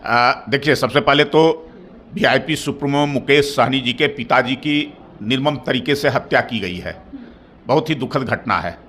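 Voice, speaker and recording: A middle-aged man, speaking as a party spokesperson in a formal interview, measured and repetitive, building into firm claims. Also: medium pitch, fairly bright tone, slight background noise. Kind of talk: formal political interview answers.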